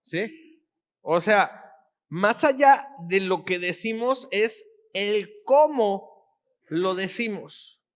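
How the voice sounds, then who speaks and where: A man's voice: sits high, expressive, extremely slow. A man preaching as a pastor, checking in with his audience after almost every phrase. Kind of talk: sermon.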